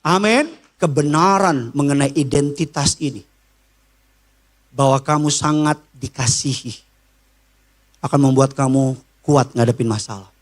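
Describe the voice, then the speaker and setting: A male pastor, preaching a sermon with animated storytelling and acting out voices. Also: mid-range voice, a little slow, long pauses. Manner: animated storytelling, acting out voices of God, angels and his child.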